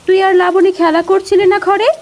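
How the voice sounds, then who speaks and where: A woman's voice: very high-pitched, little pitch movement, brisk, darkish tone. Woman voicing a bustling village mother. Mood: fussing. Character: caring village mother, practical and scolding.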